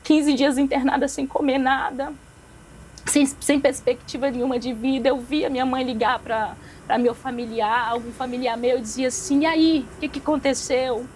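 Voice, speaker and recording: A woman's voice: high voice, flat delivery, normal speed, a little mellow, a little hiss or hum, rough recording. Emotional woman giving a repetitive testimony. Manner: repeats phrases for emphasis, acts out quoted dialogue. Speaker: podcast guest.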